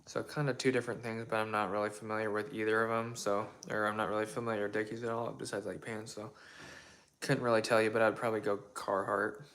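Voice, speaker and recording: A young man hosting a casual question-and-answer chat from his home kitchen, relaxed and rambling with lots of fillers and hedges. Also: lowish voice, fast. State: voice partly worn from shouting days before. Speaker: channel host answering viewer questions.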